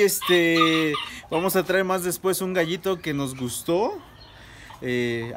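A young man with a Mexican Spanish accent, who breeds miniature roosters, records a casual selfie vlog review outdoors under trees, holding his phone at arm's length. He chats informally with fillers and restarts in a fairly high voice. The phone audio has background noise, with roosters crowing behind him.

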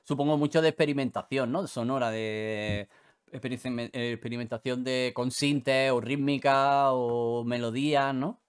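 A man's voice: mid-range voice, steady tone, normal speed, smooth. A man co-hosting a podcast, easygoing and slangy in casual chat. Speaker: podcast co-host.

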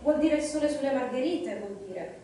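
A woman's voice: sits high, lively intonation, mellow, pitched above the performer's own voice. A woman voicing a hissing, wheedling male cave creature, sly and hungry, at a live reading. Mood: hissing eager. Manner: hissing, drawn-out, slyly ingratiating. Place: live reading evening in a hall. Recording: echoey hall, distant mic, faint noise.

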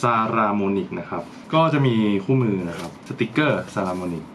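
Chatty low-voiced man unboxing gear. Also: a little slow, noisy background. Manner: chatty, thinks aloud while handling gear. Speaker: vlogger reviewing gear. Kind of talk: casual unboxing talk.

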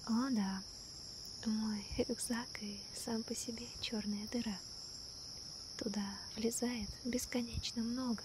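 A woman in an ASMR role-play as a gentle, wonder-struck girlfriend stargazing at night, soft-spoken softly right into the listener's ear. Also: fairly high pitch, steady tone, slow. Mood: tender, intimate, then soft, playful. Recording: night crickets, insects and clear ambient noise. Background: crickets and night insects.

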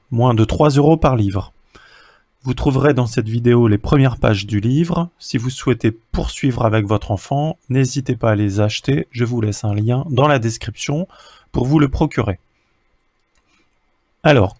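A man's voice: medium pitch, darkish tone, dry recording. A man giving a patient reading lesson for young children, sounding out letters and syllables one at a time.

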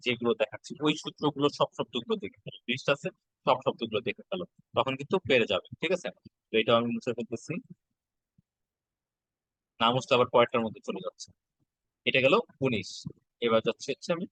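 Man, patient exam-prep teacher, mid pitch, dry close sound. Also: fairly bright tone, dry recording, low-quality recording. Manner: patient, repeats each step, checks in with "ঠিক আছে?". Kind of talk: exam-prep lesson at a whiteboard.

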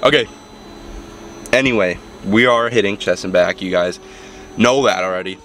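A young adult fitness vlogger with a nasal, congested voice rambles casually to a camera held at arm's length while sitting in his car. His voice is deep and a bit bright at a moderate pace, full of fillers and restarts, with slight background noise.

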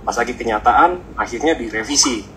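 A man, a stock trader, explaining in a relaxed, rambling way with many filler sounds. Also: medium pitch, moderate pace, slight background noise, rough recording. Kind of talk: casual explanatory chat.

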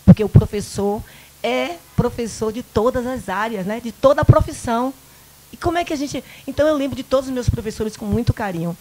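This is a Bahian countryside woman in her fifties, speaking with a medium pitch and a regional Brazilian Portuguese accent. She's an event producer being interviewed in a small local studio, animatedly recounting her own stories into a handheld microphone. She performs the dialogue she quotes and keeps tossing in "né?".

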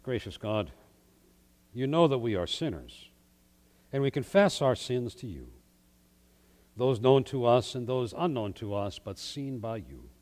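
A man, a pastor, leading worship in measured, solemn liturgical recitation, his voice ringing with a long cathedral-like echo. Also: mid-range voice, expressive, darkish tone. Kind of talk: leading liturgy in a remotely streamed worship service.

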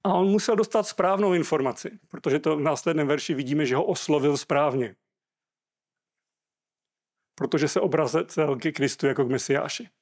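A man's voice: on the high side, a little mellow. A Czech man preaching a sermon, reading scripture aloud and explaining it earnestly.

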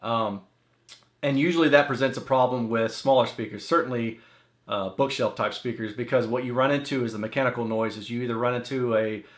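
Seated in his small home office, an American audio reviewer and host briskly explains a product to camera. His voice is medium-pitched with a steady tone. The recording carries the roomy echo of a small room.

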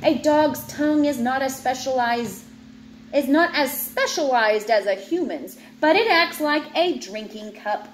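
Reading aloud to a child, a parent in her thirties uses a high and very animated voice, pausing her teacherly, expressive delivery for playful chatter. The audio was captured indoors at home in a spacious, high-ceilinged room, so it sounds echoey and background noise is clearly audible.

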